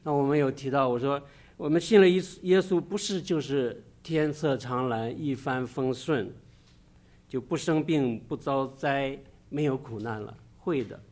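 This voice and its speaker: Earnest middle-aged man preaching haltingly. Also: mid-range voice, a little mellow. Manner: earnest, halting, pausing often mid-sentence. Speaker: church preacher. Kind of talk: sermon with personal testimony.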